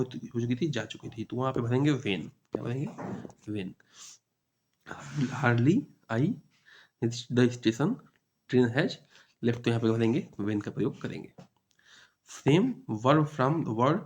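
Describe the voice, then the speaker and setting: A man's voice: medium pitch, a little mellow. Hindi-speaking man teaching exam grammar. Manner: reads English questions slowly, then explains in Hindi with frequent "ठीक है". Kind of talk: exam-prep grammar lesson.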